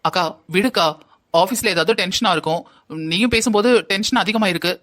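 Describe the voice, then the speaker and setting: A woman voicing a young husband who tries to calm his wife and his older sister in a cartoon family story. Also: mid-range voice, a little fast, natural voice. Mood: pleading, placating. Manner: soothing, pleading. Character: young husband, placating brother caught between women.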